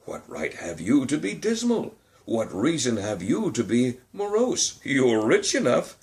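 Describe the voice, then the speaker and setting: A man voicing a cheerful, warm-hearted young nephew who speaks in a bright, merry, pleading way. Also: low-pitched, big pitch swings, a little slow, creaky, heavily acted.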